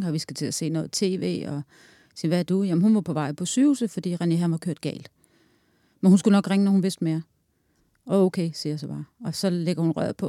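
A woman's voice: on the low side, mellow, no echo, studio quality. A woman in her forties recounting a personal loss in an interview, candid and earthy, telling it in vivid detail.

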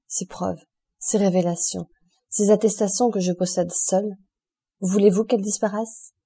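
A solemn, earnest young man who is a devoted friend, speaking in measured, low tones in a classic audiobook, as a woman reader puts him on. The voice is very dark and mellow. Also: fairly even intonation, gravelly, husky, full character voice. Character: grave loyal young male friend, journalist.

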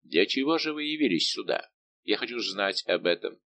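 A man's voice: on the low side, expressive, moderate pace, creaky, fairly bright tone. Man voicing a haughty, imperious king. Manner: commanding, indignant questioning. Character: haughty young male king, imperious and angered. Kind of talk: audiobook reading.

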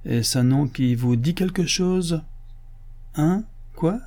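A man's voice: on the high side, slow, warm tone, voice pushed up. A man voicing a brusque, dogged police inspector in an audiobook, insistent in manner. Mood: brisk. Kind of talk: audiobook character voice.

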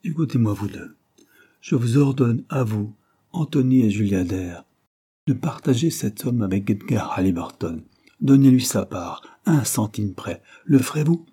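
A man's voice: medium pitch, lively intonation, a little slow, dark tone, husky. A man voicing a dying old man who gives solemn, urgent orders from his deathbed, in an audiobook reading.

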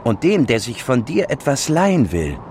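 A male actor playing Jesus as a solemn, commanding preacher in a radio drama, with deliberate, declamatory delivery over faint noise. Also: medium pitch, wildly swooping pitch, a little mellow. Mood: solemn, instructing. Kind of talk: radio drama scripture recitation.

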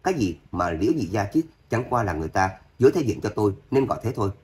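A man's voice: fairly low pitch, sing-song, very fast, a little mellow. A man voicing a courteous, enigmatic middle-aged power broker in an audio story. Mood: polite. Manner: courteous, modest.

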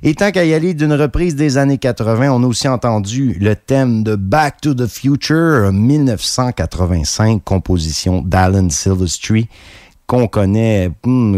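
Man, radio music host, very low voice, dry close studio sound, eager delivery. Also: a little mellow, dry recording. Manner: enthusiastic, pitch jumping up on key words. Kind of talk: radio music show presenting.

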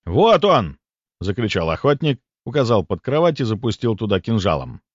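Expressive male audiobook narrator. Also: on the low side, brisk, no room sound. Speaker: audiobook reader. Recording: dull lo-fi dry audiobook recording.

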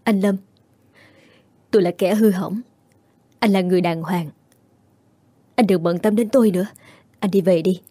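A man voicing a frightened, pregnant young village woman in a folk horror story, pleading through tears in a raised falsetto. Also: moderate pace, long pauses, dark tone, no room sound. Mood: resigned.

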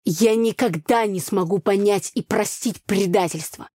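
A woman's voice: medium pitch, unhurried, dark tone, breathy edge, dry recording. Woman reading angry jealous young man, sneering, clipped, dry close sound. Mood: bitter. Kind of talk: audiobook character reading.

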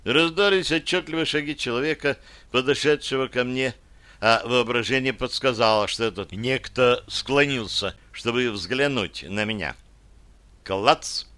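Crisp-voiced male audiobook narrator. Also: medium pitch, pushed and bright, no room sound. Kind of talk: scripted first-person fantasy narration.

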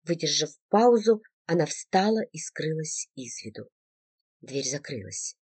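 A woman reading first-person story narration in a calm, measured way. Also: low-pitched, breathy edge, no room sound. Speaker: audiobook narrator.

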